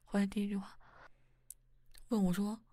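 A woman's voice: mid-range voice, little pitch movement, moderate pace, no echo, clean studio sound, close to an everyday voice. A young woman acting as a wife and mother in a whispered role-play, talking intimately and teasingly to her husband. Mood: chatty. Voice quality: soft whispery delivery. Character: young wife, playful, easily flustered.

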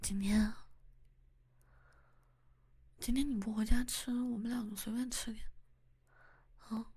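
A woman's voice: on the high side, fairly even intonation, measured pace, breathy edge, no room sound. A young woman acting as a wife and mother in a whispered role-play, talking intimately and teasingly to her husband. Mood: gentle. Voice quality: soft whispery delivery. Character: young wife, playful, easily flustered.

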